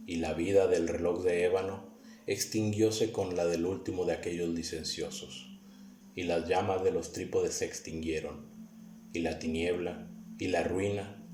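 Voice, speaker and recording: A man reading a gothic tale aloud as an audiobook narrator, in a solemn, measured and dramatic way, heard in a roomy recording. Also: sits low, steady tone, a little mellow. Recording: roomy recording with faint hiss.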